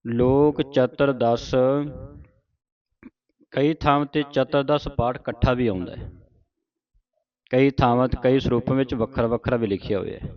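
A man teaching scripture pronunciation, reciting verses slowly and stopping to correct how words are said. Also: medium pitch, lo-fi sound.

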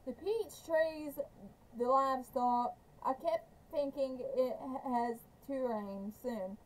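A woman's voice: sits high, takes it slowly, slight background noise, low-quality recording. A woman reading a desperate worn-down woman. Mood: pleading. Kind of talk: amateur audiobook reading.

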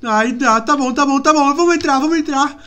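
A woman with a Brazilian Portuguese accent playing a horror game for her channel, easily scared and quick to shriek and exclaim. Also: high voice, pushed and bright. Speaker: gaming YouTuber. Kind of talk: horror game let's-play commentary.

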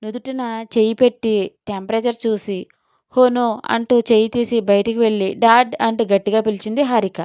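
Smooth-voiced woman story narrator. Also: on the high side, steady tone, brisk, warm tone, no room sound. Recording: dull lo-fi, dry.

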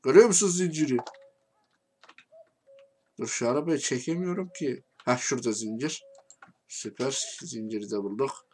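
A man with a Turkish accent giving casual game commentary, talking to himself and swinging from quiet muttering to angry shouting. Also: mid-range voice, normal speed, pauses often, a little hiss or hum. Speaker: gaming YouTuber.

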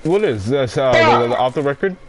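A man's voice: mid-range voice, expressive, quick pace, a loud crowd, rough recording. A young man hosting a casual commentary chat, joking, laughing and stammering as he talks. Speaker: commentary channel host.

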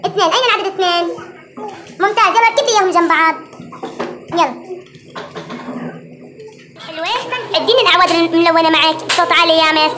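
A woman's voice: very high voice, steady tone, quick pace, long pauses, noisy background. A woman teaching kindergartners to count, coaxing them to speak up and praising each child. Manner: encouraging, repeatedly urging pupils to speak louder and praising them. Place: kindergarten classroom.

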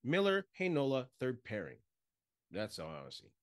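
A man co-hosting a casual sports podcast, bluntly firing quick questions at his partner. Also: medium pitch, wildly swooping pitch, fairly bright tone. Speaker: podcast co-host.

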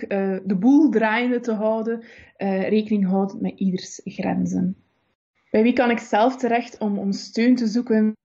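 A Flemish woman with a warm, mellow voice offers gentle, reassuring advice in a calm interview answer. She speaks at a middle pitch and pauses often on soft fillers. The audio sounds slightly dull.

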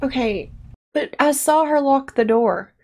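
A woman's voice: high-pitched, unhurried, darkish tone. A young adult woman giving casual, blunt and sardonic film reaction commentary as a video host. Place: small dark decorated room indoors.

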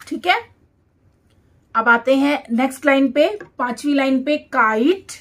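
A woman teacher, reading English words one by one for a dictation lesson and repeating each one clearly. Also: high-pitched, a bit bright. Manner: reads each word slowly and repeats it.

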